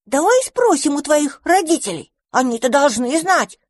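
A woman voicing a young boy mouse, eager and kind, talking in an excited way. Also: sits high, moderate pace, dry recording, clean studio sound, voice pushed up. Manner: excited, bright-eyed.

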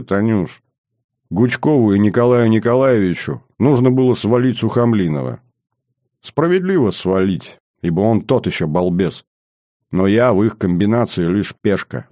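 A man's voice: fairly low pitch, darkish tone, no echo, clean studio sound, close to an everyday voice. A man voicing a bold, bitter young officer in an audiobook, speaking bluntly and earnestly. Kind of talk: audiobook character reading.

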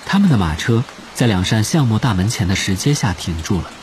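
Casting: male storyteller, deepish animated voice, expressive scripted audiobook narration. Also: fairly quick, a little hiss or hum.

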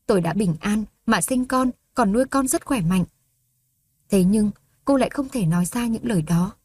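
A woman narrating a romance story in a steady, even reading voice. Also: mid-range voice, normal speed, breathy edge, dry recording. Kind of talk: scripted audiobook narration.

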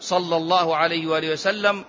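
A man's voice: fairly high pitch, fairly even intonation, quick pace, sharp tone, slight background noise. A man, a sheikh, giving a classical religious lesson and explaining texts, often asking his listeners a rhetorical question. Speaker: sheikh teaching a hadith book. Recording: slightly dull lo-fi recording.

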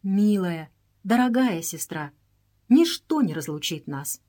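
A woman's voice: mid-range voice, sing-song, slow pace, warm tone. A woman reading an audiobook voices a devoted young girl who begs for her sister's life. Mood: pleading. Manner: begging, tender.

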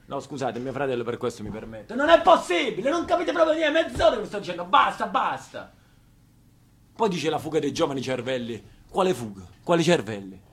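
A stage actor and monologist from Apulia in southern Italy performs a theatrical monologue with a southern Italian accent. His slightly high, husky voice is very animated, a little fast and fairly bright. He's emphatic and histrionic, repeating words for effect.

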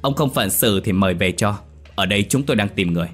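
A man's voice: on the low side, expressive, fast talker, breathy edge, soft background music. Man doing a bossy village official. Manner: commanding, officious.

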